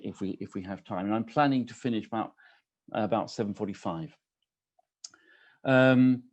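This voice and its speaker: Low mellow-voiced man hosting a video call. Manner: hesitant, many ums and restarts. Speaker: host of online poetry reading. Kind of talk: casual welcoming remarks. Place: home kitchen. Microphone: computer on a video call.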